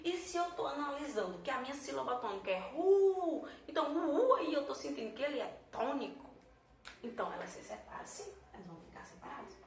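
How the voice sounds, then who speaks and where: A woman's voice: sits high, very animated, a little fast. A woman teacher, explaining a grammar lesson patiently and often checking in with her class. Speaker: Portuguese teacher. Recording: echoey room, mic at a distance, faint background noise.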